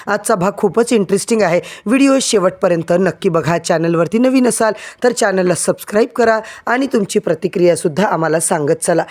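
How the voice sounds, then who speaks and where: Hyped serial-recap narrator, mid pitch. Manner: hyped, keeps addressing viewers as friends.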